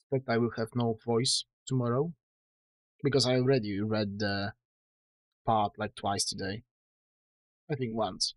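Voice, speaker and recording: A man's voice: mid-range voice, fairly even intonation, slow, long pauses, no echo. A man streaming to his chat, sounding tired and strained in the throat, rambling and self-deprecating with lots of fillers and restarts. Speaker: streamer reading his own book. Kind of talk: casual livestream chat.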